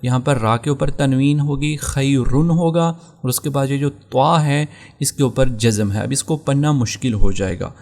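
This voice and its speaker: A male Quran teacher with a Pakistani Urdu accent explains recitation rules in a patient, step-by-step lesson. His voice carries a gravelly, creaky texture at a mid pitch. He goes back over each rule and takes every example slowly. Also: darkish tone.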